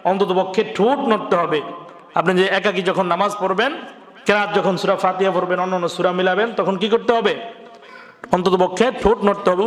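A man preaching a sermon to a gathering, asking the crowd questions and dropping his voice low on each warning. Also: a bit bright. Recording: echoey hall.

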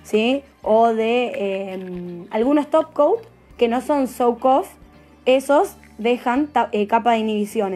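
Young woman, argentine accent, nail tutorial, chatty, slightly high voice, faint music behind. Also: mellow. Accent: Argentine Spanish. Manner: chatty, keeps asking "¿sí?". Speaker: nail technician teacher. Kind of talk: live tutorial talk.

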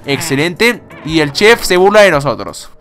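A young man casually commenting on a game, excitable, swearing and laughing often. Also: a little high, normal speed, soft background music. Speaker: gaming YouTuber. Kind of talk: casual let's-play commentary.

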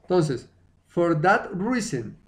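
A man's voice: high-pitched, big pitch swings, slow. A man whose first language is Spanish, teaching an online English lesson and patiently repeating words for his students to drill.

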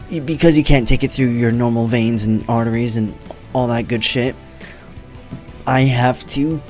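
A young man in his twenties, a streamer, talks loosely to camera through a desk mic in a small home streaming room, rambling and swearing as he goes. His medium-pitched, darkish voice sounds a bit worn, weakened from treatment, and faint music plays behind him.

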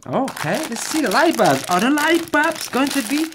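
A woman's voice: sits high, very animated, moderate pace, noisy background. A woman hosting a playful candy unboxing, cooing and coaxing a child in a sing-song way. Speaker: candy unboxing channel host. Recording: crinkling candy wrappers and clicks.

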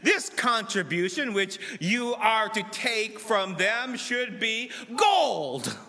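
A middle-aged man preaching a sermon from a church pulpit, acting out dialogue with dramatic swings between loud and soft. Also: high voice, slow pace. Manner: dramatic, voices God and Moses in lively asides. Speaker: pastor. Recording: long church reverb.

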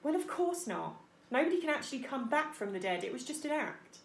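A woman's voice: sits high, very animated, brisk, creaky, echoey room, slight background noise, exaggerated voice. A woman voicing a theatrical, boastful female opossum in a storybook, chatty and self-admiring. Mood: showy.

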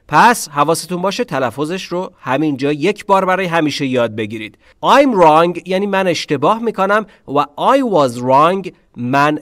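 Persian speaking guy teaching english online, slightly high voice, drills phrases slow and repeats em. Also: fairly bright tone, no echo, studio quality. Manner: drills English phrases slowly and repeats them, then teases viewers in quick asides. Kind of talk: online language lesson.

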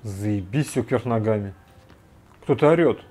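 A man's voice: on the low side, a little slow. Man, let's play commentary, mutters along, swears a lot, faint game music behind. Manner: swears often, loud startled outbursts; mutters to himself while playing. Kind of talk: casual gameplay commentary.

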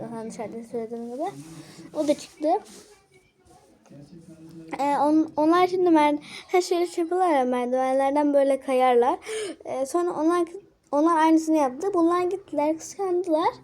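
In a casual vlog, a little girl with a high, warm voice rambles through a worked-up story about kids in her neighborhood. She keeps stopping and starting over.

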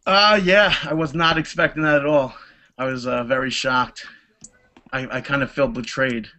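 Bright-voiced hesitant male guest. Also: medium pitch, steady tone, normal speed. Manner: hesitant, many "uh" fillers. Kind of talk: casual chat on a video call.

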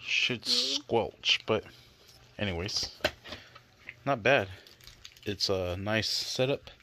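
A man, a dad, narrates an unboxing in his bedroom extremely slowly, his fairly low voice laid-back and plain-spoken. It's a noisy handheld home recording.

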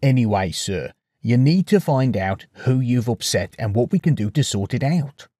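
A man's voice: mid-range voice, lively intonation, normal speed, mellow, slightly rough, no room sound, studio quality. A man voicing a blunt, earnest male sailor who talks in a hurry.

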